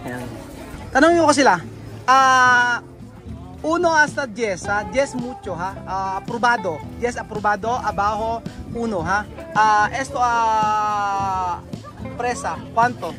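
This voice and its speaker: A woman vlogging outdoors, chatting with children in a lively, coaxing way and switching between languages. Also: on the high side, takes it slowly. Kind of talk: casual vlog chat with children. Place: busy street outdoors. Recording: crowd and music noise outdoors. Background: street crowd and music.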